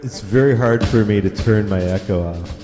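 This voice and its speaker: A man chatting on a livestream, his voice drenched in heavy echo from his mixer, like a church, with halting, self-interrupting explanations. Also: lowish voice. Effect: heavy reverb echo from his mixer, like a church. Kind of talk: casual chat. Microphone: mixer-connected microphone. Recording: echoey reverb with music behind.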